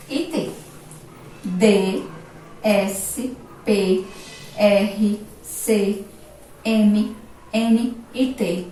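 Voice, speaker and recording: A woman teacher with a Brazilian Portuguese accent giving a remote lesson to young children, spelling words out slowly, syllable by syllable. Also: medium pitch, warm tone, a little hiss or hum. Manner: slow, syllable-by-syllable teacher talk with diminutives. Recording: echoey distant room mic, faint ambience.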